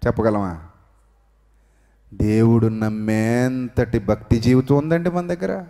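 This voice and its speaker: A male preacher delivering a sermon, swinging between raised, emphatic lines and hushed, quiet ones, and calling the congregation to repeat after him. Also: mid-range voice, unhurried. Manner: leads the congregation to repeat phrases aloud. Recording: long reverberant hall sound.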